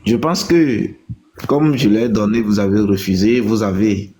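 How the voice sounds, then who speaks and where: A man taking part in a debate as a guest, answering in halting, hesitant phrases. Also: lowish voice, a little mellow, slight background noise. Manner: hesitant, halting, short replies. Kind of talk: live debate conversation.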